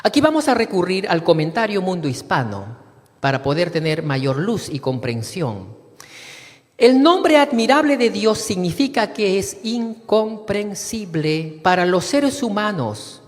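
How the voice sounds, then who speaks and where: Slow preacher in a reverberant hall. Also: male voice, high-pitched, lively intonation. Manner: addresses the congregation as brothers, reads scripture aloud. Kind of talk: sermon.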